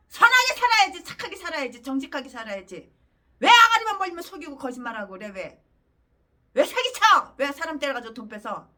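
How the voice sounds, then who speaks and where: A woman's voice: sits high, pushed and bright, recorded from a distance. A woman pastor preaching a fiery sermon, ranting angrily with scornful, profane insults.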